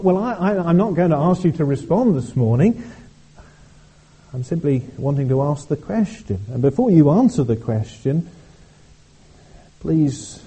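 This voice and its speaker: A male preacher delivers a church sermon in an earnest, halting way, often doubling his words. His voice is dark and mellow, with a husky edge. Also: medium pitch, poor audio. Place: church service.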